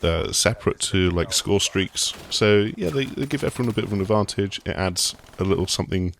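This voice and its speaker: Deep-voiced man chatting casually. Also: a little fast, gravelly, a little hiss or hum. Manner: relaxed, rambling explanations with many fillers and restarts. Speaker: games journalist co-host. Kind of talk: casual gaming discussion.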